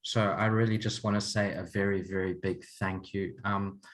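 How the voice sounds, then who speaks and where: A man's voice: low-pitched, steady tone, normal speed. A man in his forties from Zimbabwe, introducing an online course over a video call in an earnest, open way. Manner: earnest, open, chuckles often. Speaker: counselor and program leader.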